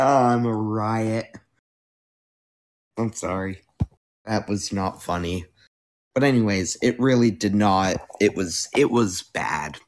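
A young man with a fairly low voice talks slowly while losing his voice, testing a new microphone as he hosts a casual solo podcast. He rambles, corrects himself, and uses plenty of filler words.

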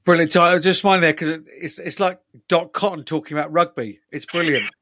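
A man's voice: on the high side, fairly even intonation, a little fast, background noise. A man hosting a sports podcast in a casual, jokey presenting style. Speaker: podcast host.

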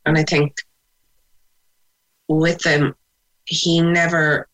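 A woman with a west of Ireland accent recounting personal memories in an interview, reflective and pausing softly as she goes. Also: low-pitched, flat delivery, low-quality recording. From Sligo, west of Ireland.

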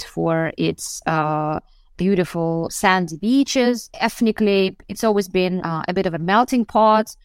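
Answering a question in a news podcast interview, a foreign correspondent speaks from a remote call with dry sound, thoughtful and searching, restarting often. Her medium-pitched voice is clear and resonant, with no echo.

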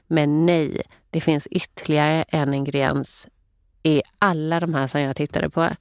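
A woman's voice: low-pitched, level tone, clean tone, no room sound, studio quality. A woman co-hosting a casual podcast, earnestly explaining skincare with frequent fillers.

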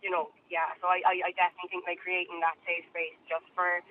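A woman's voice: fairly low pitch, completely flat delivery, quick pace. A woman with a Kerry accent from the west of Ireland, chatting casually and informally as a guest in an interview. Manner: chatty, informal, lots of "like" and "you know". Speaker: guest, LGBTQ+ venue owner. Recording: tinny phone line with some noise.

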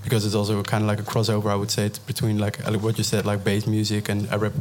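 A man's voice: lowish voice, completely flat delivery, quick pace, darkish tone, slight background noise. A man, a DJ and producer guest, talking casually and rambling with lots of fillers. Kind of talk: casual interview chat.

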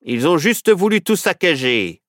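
A man's voice: a little high, big pitch swings, a little slow, fairly bright tone, dry recording, clean studio sound, pitched above the performer's own voice. Guy doing a stubborn cowboy sheriff, blunt and sure of himself, raised voice, storybook. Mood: gruff. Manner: blunt, certain. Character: stubborn suspicious Wild West sheriff, man. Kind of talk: storybook reading.

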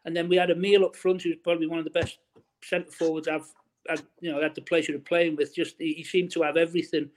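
This middle-aged man, once a footballer, is a fast talker with a voice on the high side and little pitch movement. Reminiscing in a casual interview, he chats away with many restarts and "you know" fillers.

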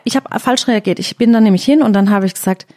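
A woman recounting a story in casual conversation with a medium-pitched voice. She tells it vividly and often quotes exactly what she said. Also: fast, darkish tone. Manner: tells the story vividly, quoting her own words.

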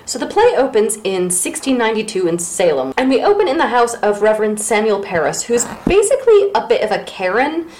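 A woman's voice: a little high, sing-song, brisk, hardly any pauses, a little mellow, slight background noise. A woman co-hosting a podcast, teasing and wisecracking as she recaps a play in casual chat. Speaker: podcast co-host.

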